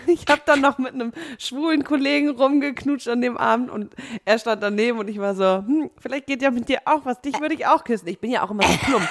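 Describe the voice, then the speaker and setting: A young woman co-hosting a chatty podcast, telling a story in a rambling way, full of fillers and laughter. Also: a little high. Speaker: podcast co-host. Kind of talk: casual chat.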